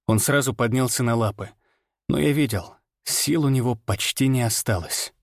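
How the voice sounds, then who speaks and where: Male audiobook narrator, measured first-person reading, dry sound. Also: medium pitch, no room sound.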